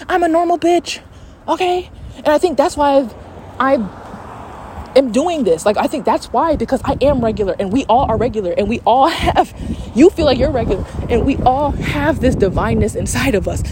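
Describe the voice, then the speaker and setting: Candid swearing woman telling her story. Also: high voice. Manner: candid, swears freely, animated. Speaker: podcast host. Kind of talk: casual storytelling monologue. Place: outdoors in the wind. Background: wind noise.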